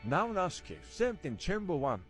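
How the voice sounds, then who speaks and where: A man's voice: high-pitched, very animated, moderate pace, over music. A man instructing taekwondo, giving short, clipped commands and counts for kicking drills.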